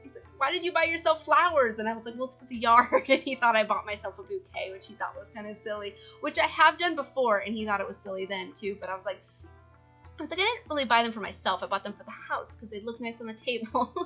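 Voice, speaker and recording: Bright, chatty young woman. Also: medium pitch. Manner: rambling, giggly, with many fillers. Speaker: YouTube build creator. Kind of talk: casual chatty voiceover. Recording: slightly dull sound with soft music.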